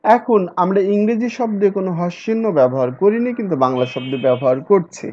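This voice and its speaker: A man teaching an online class, stretching words out slowly when he models pronunciation. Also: high-pitched, a little mellow. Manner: slow drawn-out syllables when modeling pronunciation. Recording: dull lo-fi recording.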